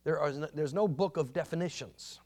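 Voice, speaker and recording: A man teaching a church history class in an informal lecture, earnest and halting, with many restarts and fillers. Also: on the high side, darkish tone.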